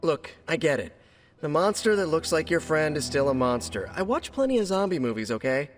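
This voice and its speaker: A young American superhero, a nerdy college kid with a highish, very animated voice. He is chatty and friendly, joking his way through game cutscene dialogue in stops and starts. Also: brisk, soft background music. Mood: earnest.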